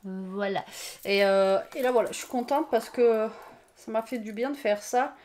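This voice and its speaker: A woman with a hoarse, raspy voice chatting casually in a vlog, tired and rambling with many fillers. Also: on the high side, normal speed, a little mellow. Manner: rambling, many fillers, talks to her pet. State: tired, worn out. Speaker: vlogger.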